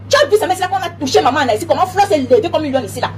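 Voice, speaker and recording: A woman's voice: high-pitched, lively intonation, very fast, darkish tone, a little hiss or hum. Woman, commentator type, fires off a taunting rant at breakneck speed, keeps hammering the same points. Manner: emphatic, repetitive, taunting, frequent "hein?". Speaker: online commentator. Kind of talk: heated direct-address monologue.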